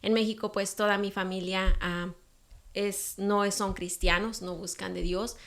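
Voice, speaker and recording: Soft-spoken young Mexican woman guest. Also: mid-range voice, steady tone, unhurried. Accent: Mexican Spanish. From Durango, Mexico. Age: young adult. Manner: soft-spoken, mixes in English words. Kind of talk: casual interview, personal testimony.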